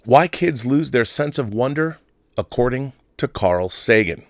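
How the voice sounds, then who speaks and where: A man hosting a livestream speaks a little slowly in an animated, mid-range voice, reading out comments and articles as he chats casually. He leans on asides and repeated phrases for emphasis. The recording is dry and studio quality.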